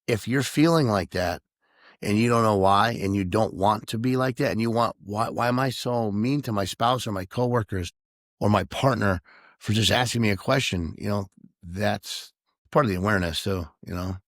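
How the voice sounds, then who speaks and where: A man co-hosting a podcast, talking candidly and emotionally about his own past behavior, halting and self-reflective. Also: lowish voice, no room sound, studio quality. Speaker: podcast co-host. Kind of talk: candid personal conversation.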